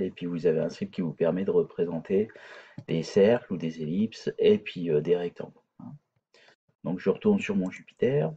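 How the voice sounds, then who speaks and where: A man's voice: low-pitched, dark tone, husky, muffled recording. A man teaching a hesitant, filler-filled screencast coding lesson, talking through code on screen. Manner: hesitant, many fillers and restarts.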